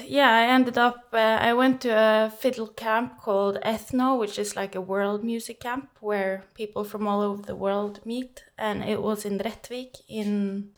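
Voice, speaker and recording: A young woman with a Norwegian accent who speaks Norwegian natively, chatting as a guest in an interview, cheerful, laughing often, pausing with many fillers. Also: medium pitch. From Norway. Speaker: guest musician. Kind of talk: casual interview talk.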